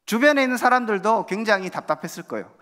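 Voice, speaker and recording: A man's voice: sits high, animated, fast, a bit bright. A male pastor preaching a sermon in a church, asking the congregation questions and acting out the voices of the crowd. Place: church sanctuary. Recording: long church hall reverb.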